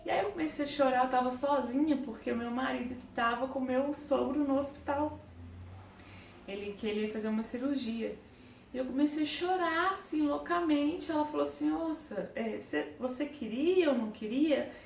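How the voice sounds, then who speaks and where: A woman's voice: high-pitched, fairly quick, creaky, recorded from a distance, a little hiss or hum. Woman with a Brazilian accent, echoey room. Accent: Brazilian Portuguese. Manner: earnest, talks in short broken phrases. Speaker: parenting vlogger. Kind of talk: casual personal storytelling.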